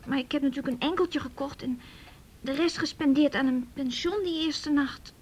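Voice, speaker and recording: Rueful and weary, a young runaway girl who is hurt yet defiant recounts events haltingly and wryly, voiced by an actress in a naturalistic radio drama. She sounds high-pitched and natural.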